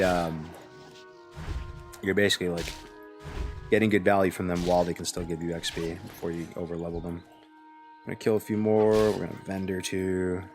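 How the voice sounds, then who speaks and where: Sleepy male streamer, very low voice, rambling laid-back chat, faint music behind. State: sleepy, yawning. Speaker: game streamer. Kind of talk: casual live-stream chat while playing.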